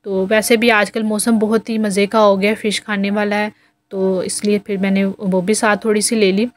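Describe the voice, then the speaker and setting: A woman's voice: medium pitch, little pitch movement, moderate pace. A woman in her thirties with a Pakistani accent, chatting casually through a home vlog voice-over and explaining each step with lots of fillers. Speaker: home vlogger.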